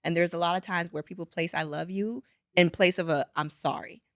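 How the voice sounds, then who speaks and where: A woman's voice: on the low side, brisk, dry recording, clean studio sound. A woman co-hosting a podcast, talking through reality TV drama in a casual chat and acting out what others said. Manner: animated, acts out quotes of others. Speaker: podcast co-host.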